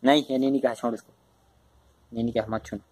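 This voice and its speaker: A man's voice: medium pitch, flat delivery, fairly quick, a little mellow. A man with a Chhattisgarhi Hindi accent playing at home with his small daughter, teasing her in a casual, playful way. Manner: teasing, with mock cries of pain. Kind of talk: casual playful talk with a toddler.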